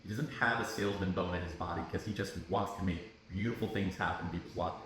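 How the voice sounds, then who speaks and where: A man co-hosting a podcast, chatting casually and animatedly, often laughing and jumping up in pitch when excited. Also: quick pace. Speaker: podcast co-host. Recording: echoey room with faint noise.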